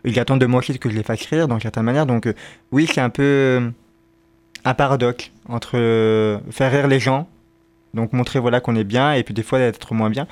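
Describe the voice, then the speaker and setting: A man's voice: mid-range voice, fairly even intonation, normal speed. A man with a lisp that turns s sounds slushy, chatting hesitantly as a comedian being interviewed. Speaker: interview guest, stand-up comedian. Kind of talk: casual interview chat.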